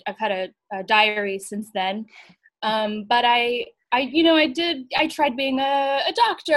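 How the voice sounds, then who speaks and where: Higher-voiced woman writer, dry close sound. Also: a bit bright, no room sound. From Bulgaria. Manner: thoughtful, hesitant with fillers. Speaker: guest, writer and coach. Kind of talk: casual interview.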